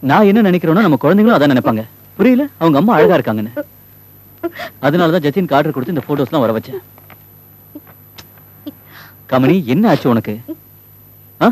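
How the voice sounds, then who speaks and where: A gentle, husky husband. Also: male voice, on the high side, big pitch swings, quick pace. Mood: reassuring. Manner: gentle, reassuring. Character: caring busy husband, middle-aged.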